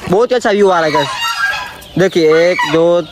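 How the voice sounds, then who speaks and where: A man's voice: high voice, normal speed. A young man casually narrating a vlog on a farm, chatting to viewers and calling them guys. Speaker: vlogger. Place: outdoors at a farm with birds. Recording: noisy outdoor handheld recording.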